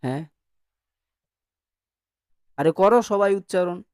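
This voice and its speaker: A man's voice: high voice, slow pace, darkish tone, no room sound, studio quality. A male teacher giving a classroom lecture who coaxes his students to answer and demonstrates sounds by repeating them.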